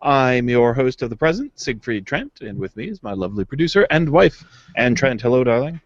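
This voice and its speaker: A man's voice: medium pitch, big pitch swings, fairly quick, no room sound. A man hosting a casual gaming podcast, rambling and chuckling between fillers. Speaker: podcast host. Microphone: home mic on a video hangout. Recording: dull lo-fi dry webcast audio.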